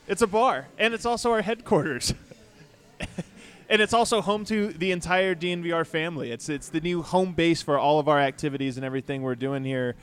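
A man's voice: on the high side, brisk, smooth. A man hosting a casual sports podcast, with an upbeat, announcer-like way of introducing things. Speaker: podcast host. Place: bar under construction.

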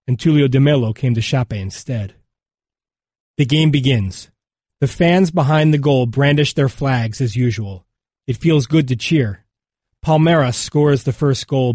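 A man's voice: medium pitch, a little mellow, no echo. Solemn male narrator, dry close sound. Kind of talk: scripted narration of a magazine feature.

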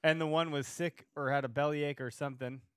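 A man's voice: a little high, fairly even intonation, a little fast, smooth, no echo, clean studio sound. A man from Wisconsin hosting a podcast, chatting casually and telling anecdotes. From Wisconsin, United States. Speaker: podcast host. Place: basement room.

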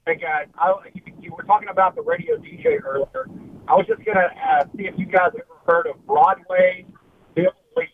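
A man calling in to a radio show on speakerphone, with the phone held away from him. He sounds eager and rushed, and he is hard to make out. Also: sits high, wildly swooping pitch. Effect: caller on speakerphone or Bluetooth with the phone held away. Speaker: radio call-in listener. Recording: tinny distant speakerphone line with faint noise.

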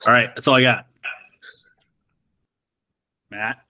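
Male co-host, mid-pitch, playful and jokey, firing off quick would-you-rather questions. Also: fairly even intonation, bright, forceful tone, rough recording. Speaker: podcast co-host. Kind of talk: casual interview chat.

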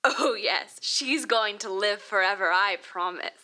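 A woman's voice: mid-range voice, unhurried, pushed and bright. A woman voicing a doting, talkative mother who is heard through a phone's speaker, fussing affectionately over her son and his friends. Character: doting chatty mother of a young man. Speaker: caller. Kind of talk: tabletop roleplay voice acting.

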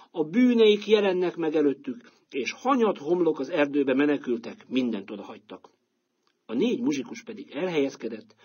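A man narrating a children's fairy tale in an expressive, lively storytelling manner, with a husky voice. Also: medium pitch. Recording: dull lo-fi recording.

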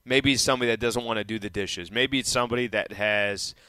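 Bright, forceful male radio co-host. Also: lowish voice, fairly even intonation, brisk, clear, resonant tone, no echo, studio quality. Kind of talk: casual banter.

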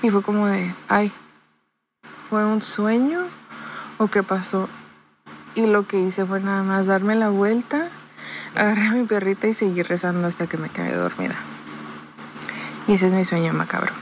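A woman's voice: mid-range voice, lively intonation, a little fast, rough recording. Woman listener, hesitant telling, faint hiss behind the voice. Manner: hesitant, searching for words. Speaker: listener sharing a story. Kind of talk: recorded story message.

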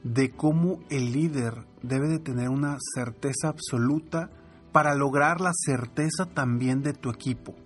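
A man with a Mexican accent telling a personal story as a leadership speaker, speaking to the listener directly and moving between lively high exclaims and low hushed tones. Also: unhurried, soft background music. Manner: conversational, addresses the listener directly.

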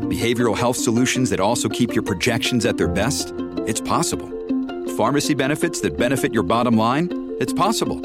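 Male commercial read, lively and emphatic, over strong guitar bed. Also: mid-range voice, a little fast. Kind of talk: read advertisement. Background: guitar music.

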